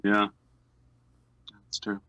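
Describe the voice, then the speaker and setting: Talking extremely slowly in a sharp tone, a young man from the United States with a General American accent chats casually as a guest. He hesitates a lot, leans on fillers, and laughs often. The sound is dry and lo-fi.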